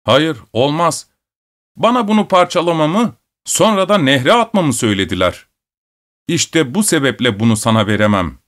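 A man's voice: fairly high pitch, big pitch swings, normal speed, a bit bright, pitched above the performer's own voice. A man voicing a poor, stubborn peasant who speaks earnestly and insistently in a storybook reading. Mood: firm.

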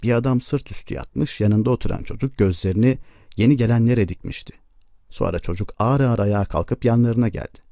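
Gravelly-voiced male audiobook narrator. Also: mid-range voice, dry recording. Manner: measured, even storytelling. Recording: dull lo-fi recording.

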